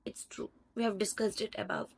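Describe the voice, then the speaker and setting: A woman's voice: mid-range voice, steady tone, brisk, gravelly, slightly rough. A woman with an Indian English accent, teaching a lecture patiently, step by step with examples. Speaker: online tutor. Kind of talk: explanatory lecture over slides.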